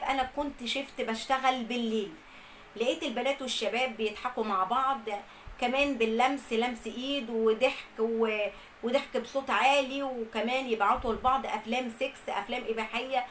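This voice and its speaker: A young woman with an Egyptian Arabic accent tells her own story at a brisk, rushing clip. Her voice sits a little high, and she speaks earnestly, piling up emphatic lists. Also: steady tone, a bit bright, slight background noise, rough recording. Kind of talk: first-person storytelling.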